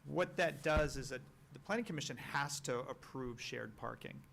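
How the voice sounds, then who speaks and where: Gravelly male planning staffer. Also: medium pitch, normal speed, a bit bright, a little hiss or hum. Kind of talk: explaining policy at a council meeting. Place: town meeting room.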